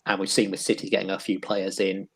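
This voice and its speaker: A man's voice: sits low, completely flat delivery, fast talker, slightly rough. A man giving his football predictions in a casual chat, hesitant and full of restarts. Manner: hesitant, lots of restarts and hedging. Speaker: football pundit.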